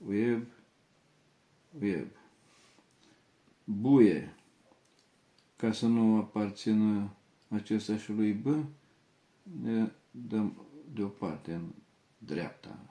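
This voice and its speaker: Bărbat cu voce caldă, repetând rar silabe. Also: male voice, fairly low pitch, steady tone, mellow, echoey room. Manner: repeats each syllable several times slowly, dictation-like. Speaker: shorthand teacher. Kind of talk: spoken shorthand lesson.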